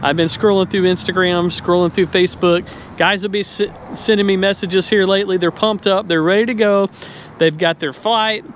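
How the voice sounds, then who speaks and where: A middle-aged American man vlogs about lawn care, chatting casually to a handheld camera held at arm's length outdoors in an open paved lot. His voice sits high with fairly even intonation at normal speed, and slight background noise is present.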